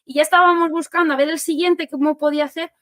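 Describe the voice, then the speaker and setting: Speaking quickly in a high voice, this occupational therapist from Spain explains things to families in an informal, animated talk, acting out quotes along the way. The recording is dry.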